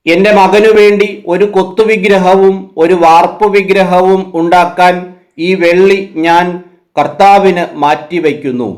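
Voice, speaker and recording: A man, teaching a Bible quiz as host, reading out numbered questions and then giving each answer in a lower, quieter voice.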